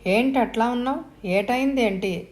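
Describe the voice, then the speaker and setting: A woman voicing a rough but caring village rowdy in a spoken audio story, with blunt, teasing speech. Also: a little high, normal speed, a little mellow, voice pushed up, close to an everyday voice. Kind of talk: audiobook dialogue.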